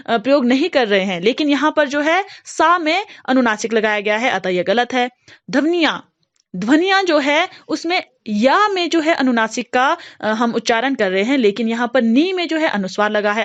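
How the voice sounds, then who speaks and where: A woman teaching a grammar lesson, explaining things slowly with frequent fillers. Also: fairly high pitch, a bit bright, highs cut off.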